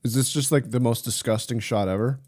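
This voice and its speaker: A young man streaming, reacting to clips in casual chat, excitable and swearing, shouting in disbelief at big plays. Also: mid-range voice, brisk.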